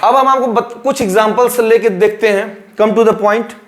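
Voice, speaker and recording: A man's voice: high voice, fairly even intonation, unhurried, fairly bright tone. A male teacher explaining grammar at a board, repeating words and drawing them out.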